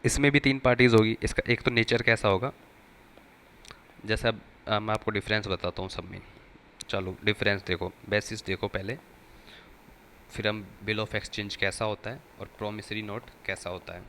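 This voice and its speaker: A man's voice: lowish voice, level tone, normal speed, pushed and bright, a little hiss or hum. A man teaching an accounting lesson for exam preparation, explaining step by step and repeating key terms. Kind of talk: exam-prep lecture.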